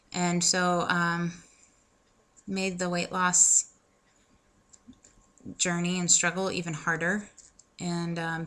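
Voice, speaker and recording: A woman in her thirties from the United States chats casually to the camera in a personal vlog. Her voice is lowish with a sharp tone, and she fills her talk with self-deprecating humor and plenty of ums.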